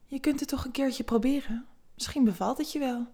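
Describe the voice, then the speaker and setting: A woman's voice: fairly high pitch, lively intonation, a little slow. Ask for a woman playing a teasing seductress. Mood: seductive. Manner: playful, teasing, soft seductive voice.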